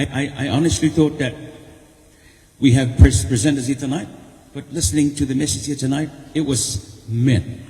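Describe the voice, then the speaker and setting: A man's voice: medium pitch, warm tone. A man with a Samoan accent makes formal, respectful announcements as master of ceremonies at a meeting. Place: large echoing indoor venue. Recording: echoey hall with long reverb.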